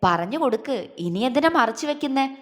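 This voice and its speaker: A woman's voice: high voice, animated, fairly quick, a bit bright. A woman doing a tender doting husband. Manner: tender, coaxing. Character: affectionate young man, doting husband. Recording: long hall reverb.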